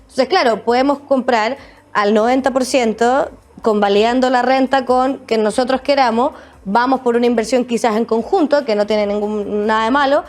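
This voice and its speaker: A Chilean woman in her thirties hosting a talk show, upbeat and quick, often chiming in. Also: a little high, fairly even intonation. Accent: Chilean Spanish. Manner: upbeat, fast-talking, chimes in often. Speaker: host. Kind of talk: casual talk-show chat.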